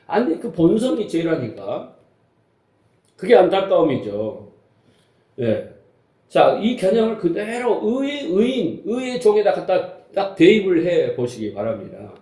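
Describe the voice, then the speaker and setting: High-pitched pastor in an echoey hall. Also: male voice, warm tone. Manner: emphatic, asks the congregation rhetorical questions; slips into casual, blunt speech. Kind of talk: Sunday sermon. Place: church sanctuary.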